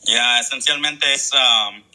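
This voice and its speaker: A man's voice: mid-range voice, takes it slowly, bright, forceful tone, poor audio. A man appearing as a guest in a casual online chat, explaining things in a friendly way with many fillers. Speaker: guest co-host.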